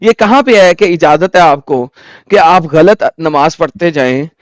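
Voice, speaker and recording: A man's voice: a little high, unhurried, no room sound. A man co-hosting a live online religious debate, pressing and cross-examining a caller with a mocking edge. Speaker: debate co-host.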